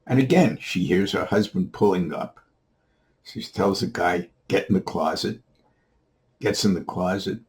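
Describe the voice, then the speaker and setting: A man telling a long joke in a steady storyteller manner. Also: sits low, moderate pace. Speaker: comedian.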